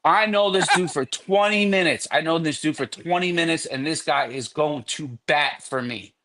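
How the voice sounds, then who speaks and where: A man's voice: on the high side, moderate pace, pushed and bright. A man guesting on a podcast, telling a long story casually and animatedly, with frequent swearing.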